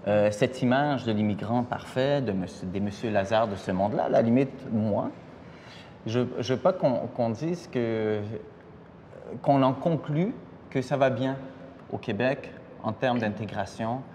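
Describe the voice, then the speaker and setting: A man's voice: mid-range voice, a little slow, warm tone, big-room sound, a little hiss or hum. A male writer in an interview, speaking hesitantly and searching for his words. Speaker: writer guest. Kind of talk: interview answers.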